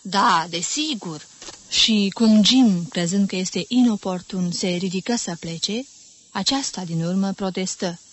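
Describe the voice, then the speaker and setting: A woman reading a literary novel aloud as an audiobook narrator, in a clear, measured storytelling manner. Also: medium pitch. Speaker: audiobook reader.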